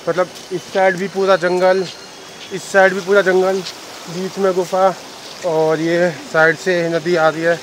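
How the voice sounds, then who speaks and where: A young man in his twenties, a travel vlogger, films himself on a handheld phone at arm's length along a wet cave and forest trail. He chats to viewers, calling them "guys" and "bhai," sounding tired and out of breath from the climb. His high-pitched, level voice comes through poor audio, with the loud rush of a waterfall and stream behind him.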